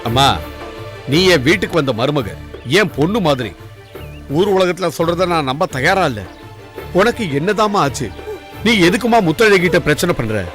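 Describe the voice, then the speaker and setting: Anxious village father, bright-toned. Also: very high-pitched, wildly swooping pitch, normal speed, soft background music, full character voice. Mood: stern. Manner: pleading, then stern. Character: anxious, stern village father of a grown daughter. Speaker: dub actor. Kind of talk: dubbed film drama.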